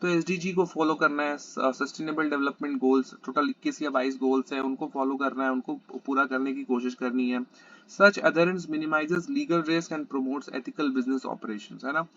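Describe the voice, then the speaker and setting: A male commerce tutor with an Indian accent gives an exam-prep lecture. He reads English lines slowly, then explains them quickly in conversational Hindi, checking in often with "है ना?". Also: medium pitch, steady tone, fairly bright tone, lo-fi sound.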